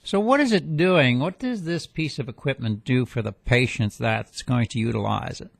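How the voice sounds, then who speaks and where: A man's voice: medium pitch, moderate pace, vocal fry, no room sound. A man hosting a radio health talk show, reading the intro and sponsor spots, then asking his guest questions with some hesitant fillers.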